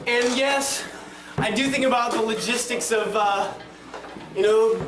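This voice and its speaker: A man with a high voice gives loose, profane stage banter as a punk singer between songs. He rambles informally through a PA in a small, echoey venue, with music sounds behind him. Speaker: punk band singer addressing the audience. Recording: echoey live room recording, distant PA sound.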